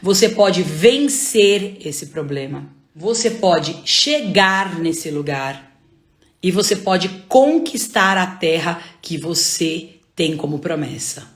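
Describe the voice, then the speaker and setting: A woman's voice: fairly low pitch, lively intonation, takes it slowly. A woman with a Brazilian accent giving a faith-based motivational talk, pressing her listeners with repeated rhetorical questions. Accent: Brazilian Portuguese. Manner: emphatic, repetitive rhetorical questions. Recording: roomy echo.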